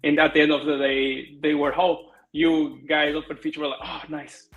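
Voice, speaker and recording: Man with a Portuguese accent, guest on a video call, pitched a little high, stop-start delivery. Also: little pitch movement, reverberant, narrow, tinny audio, faint music behind. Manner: halting, many restarts and fillers. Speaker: guest software developer. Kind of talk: casual interview over video call.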